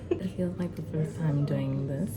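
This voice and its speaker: Young woman vlogger, low even voice, nervous chatty delivery, music bed. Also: low-quality recording. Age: 20s. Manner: chatty, excited, nervous, with many fillers and restarts. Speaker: vlogger and foundation founder. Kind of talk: casual talk to camera.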